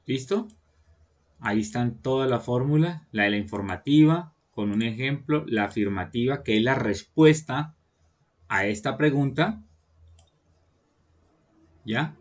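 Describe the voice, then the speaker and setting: A man's voice: mid-range voice, lively intonation, measured pace, long pauses. A man, teaching an online class to children, patiently explaining and often checking that they follow. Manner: patient, repeats "¿listo?" to check understanding.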